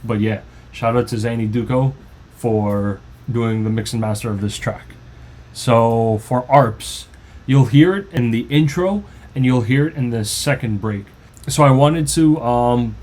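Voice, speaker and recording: A casual music producer with a slightly mellow, mid-range male voice walks through his track in an easygoing tutorial. He explains loosely and informally with restarts, while faint music plays.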